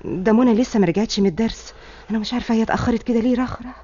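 A woman's voice: a little high, rapid-fire, warm tone, lightly acted. A woman playing a soothing Egyptian wife. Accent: Egyptian Arabic. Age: middle-aged. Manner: soothing, reassuring. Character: worried, soothing middle-aged wife and mother. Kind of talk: classic radio drama. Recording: lo-fi old radio with faint music.

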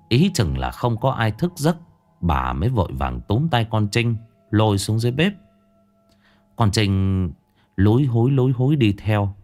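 Low-voiced man telling a ghost story. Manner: dramatic, swinging delivery. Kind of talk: spoken ghost story narration.

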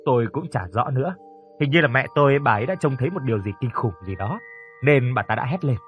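A man voicing a young doctor who speaks in a measured, polite way. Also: medium pitch, lively intonation, faint music behind, lightly acted. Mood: explaining. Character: calm, courteous young male doctor.

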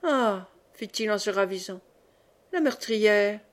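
A woman's voice: mid-range voice, expressive, takes it slowly. Sly mocking knight guy, smug and sneering, read by a woman in an audiobook. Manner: sneering, self-satisfied.

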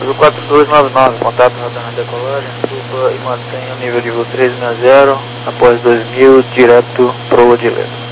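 A man's voice: mid-range voice, flat delivery, normal speed, soft background music. Male air traffic controller on radio. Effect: two-way aviation radio. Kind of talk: clipped procedural radio instructions. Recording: slightly noisy, humming radio transmission.

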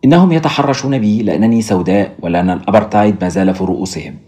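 Blunt Zulu nurse, firm and frank, read by a man, low and quick, audiobook. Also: dark tone, lightly acted.

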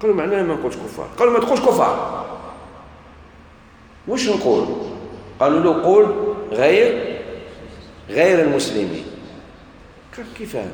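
A man's voice: fairly high pitch, fast talker, long pauses. A man from Algeria with an Algerian Arabic accent, preaching a sermon lecture and telling stories with acted-out dialogue. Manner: animated storytelling, acts out dialogues. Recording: echoey hall, faint background noise.

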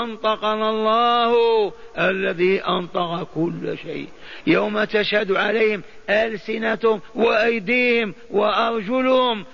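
A man's voice: high voice, gravelly, fairly bright tone. An older man giving a mosque lesson on hadith, putting questions to his listeners and answering them himself. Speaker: Islamic scholar teaching hadith. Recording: dull lo-fi archive recording.

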